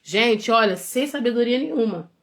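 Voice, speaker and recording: A woman leads an informal Bible study for a women's group. Her voice sits on the higher side, and she talks in a loose, conversational way, checking in with tag questions and correcting herself mid-sentence. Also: expressive, moderate pace. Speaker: women's ministry Bible teacher.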